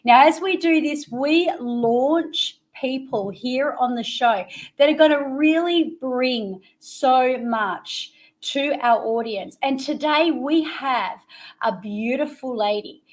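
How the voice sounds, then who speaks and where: A woman's voice: sits high, slow. A middle-aged woman hosting an interview show, talking with upbeat, promotional enthusiasm and dramatic emphasis.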